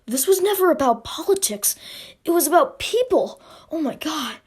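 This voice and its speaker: A woman's voice: fairly high pitch, drawn-out words, mellow. A woman voicing the North as an awestruck, earnest figure in a comic history skit, recorded on a phone.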